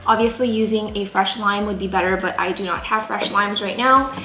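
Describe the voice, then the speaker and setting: A young woman from San Jose, California hosts a casual cooking tutorial in her home kitchen, chatting and rambling with lots of fillers. Her mid-range voice is steady, a little fast, bright and forceful. The echoey kitchen carries cooking clatter from pots, dishes and knife clicks.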